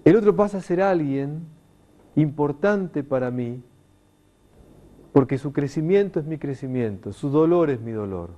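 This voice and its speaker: A man's voice: fairly high pitch, a little slow, dull audio. A middle-aged man, giving an emphatic spoken lecture to an audience and acting out the quoted voices. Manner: warm, emphatic, animated teaching delivery with quoted voices. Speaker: lecturer on consciousness.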